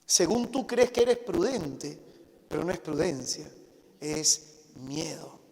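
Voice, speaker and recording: A man's voice: a little high, lively intonation, slow pace, vocal fry, a little mellow. A man preaching a sermon, calling his listeners brothers and acting out the worried voices of anxious people. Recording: long hall reverb.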